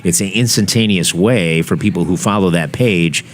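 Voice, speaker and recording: A man hosting a talk show interview, speaking in a relaxed way with many hesitant fillers. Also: sits low, normal speed. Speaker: radio show host. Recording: faint background noise.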